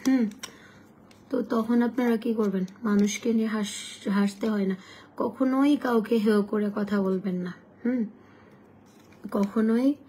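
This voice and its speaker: Hoarse woman, live-stream shop host, chatty, mellow tone, faint background noise. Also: measured pace, pauses often. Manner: chatty, addresses viewers directly, switches to sales pitch. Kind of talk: casual live-stream chat with viewers.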